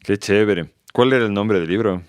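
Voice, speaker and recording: Podcast host, man, deep and smooth voice, unhurried and measured. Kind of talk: podcast interview and announcements.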